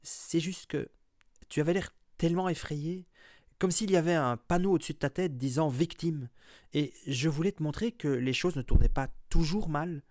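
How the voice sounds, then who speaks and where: An earnest boy wizard of eleven, voiced higher and livelier than the reader's own tone, as a man reads him aloud. He talks fast and keeps explaining himself in a dry, close storybook reading. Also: darkish tone, dry recording, natural voice.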